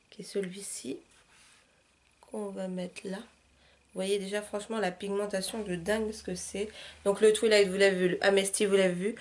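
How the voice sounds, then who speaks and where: A woman talks through her makeup routine in a relaxed, chatty way, her voice sitting at an ordinary middle pitch. She fills pauses with little hesitations and "hop" sounds and drops into softer asides as she works. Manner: chatty, loose, with frequent "euh", "hop" and "voilà". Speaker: beauty vlogger. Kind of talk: casual makeup tutorial chat.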